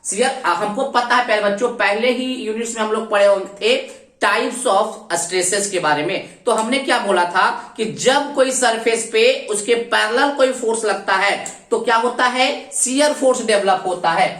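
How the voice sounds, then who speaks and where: Higher-voiced woman teacher in echoey room. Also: moderate pace, fairly bright tone, distant mic. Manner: repeats key terms as questions and answers them herself; often addresses students as dear children. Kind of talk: recorded online class lecture.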